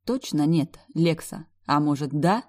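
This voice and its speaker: A woman's voice: sits low, expressive, a little slow, darkish tone. A woman reading an audiobook, voicing a haughty, sneering, domineering man in his dialogue. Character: arrogant mocking adult man, domineering bodyguard type. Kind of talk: audiobook character voice.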